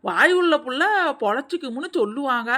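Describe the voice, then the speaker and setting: A woman voicing a greedy, chatty village woman in an animated comedy, speaking in a boastful, wheedling manner. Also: high voice, a little fast. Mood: scheming.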